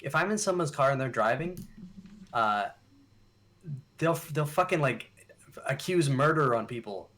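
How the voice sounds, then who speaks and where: A man's voice: medium pitch, expressive, a little slow, pauses often, a bit bright. A young man co-hosting a casual podcast, talking in a hesitant, laid-back way with lots of fillers and swearing. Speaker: podcast co-host. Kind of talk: casual chat.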